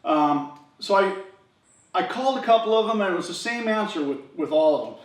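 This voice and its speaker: A man's voice: high voice, expressive, brisk. A man hosting his garage channel, casually telling a story to camera and acting out the other people's lines in quoted voices. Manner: chatty, acts out dialogue in quoted voices. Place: garage workshop. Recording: echoey room, from a distance.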